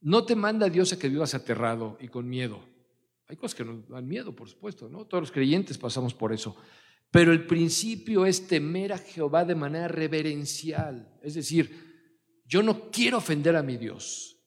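Mexican pastor guy, kinda high voice, chatty sermon w stories, big hall echo. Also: expressive, moderate pace. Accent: Mexican Spanish. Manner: conversational preaching with personal anecdotes.

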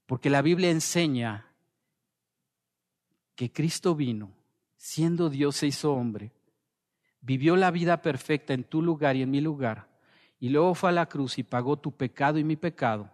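Impassioned preacher in a reverberant hall. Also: male voice, on the high side. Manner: impassioned preaching, dropping to soft slow quotes. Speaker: pastor. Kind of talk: sermon.

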